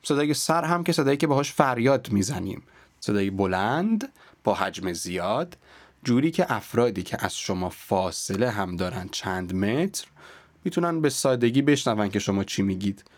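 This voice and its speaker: A voice and speech coach teaches a podcast lesson, explaining calmly and sometimes dropping to a near-whisper to demonstrate. His voice sits on the low side, with no echo.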